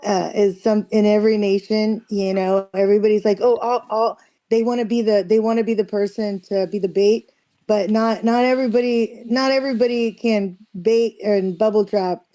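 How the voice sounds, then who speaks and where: A woman's voice: medium pitch, fairly even intonation, normal speed, dark tone. A woman chatting casually on a game stream, swearing freely.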